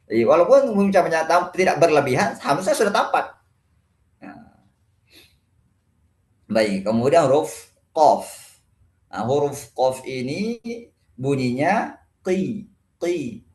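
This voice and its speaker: A man's voice: a little high, very animated, slow pace, long pauses, a little mellow. A man teaching Quran pronunciation with an Indonesian accent, explaining patiently and demonstrating letter sounds by repeating syllables. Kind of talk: religious lesson on pronunciation. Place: mosque hall. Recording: echoey mosque room.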